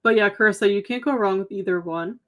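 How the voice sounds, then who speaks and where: A woman's voice: mid-range voice, fast. Young adult woman, livestream co-host, casual filler-heavy chat, slightly tired voice. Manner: chatty, lots of "um" and "like". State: slightly losing her voice. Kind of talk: casual chat reading viewer comments.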